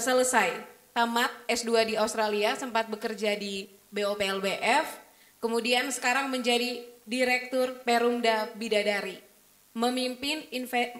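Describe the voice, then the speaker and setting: A woman's voice: fairly high pitch, fairly bright tone. A woman moderating a panel discussion, speaking politely and formally as she introduces the guests.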